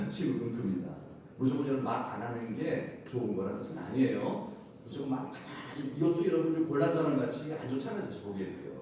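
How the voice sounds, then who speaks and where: Animated pastor preaching in an echoey church. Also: male voice. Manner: animated, shouts acted crowd cries, laughs often. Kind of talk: sermon. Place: church sanctuary. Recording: loud echo, from far off, faint rumble.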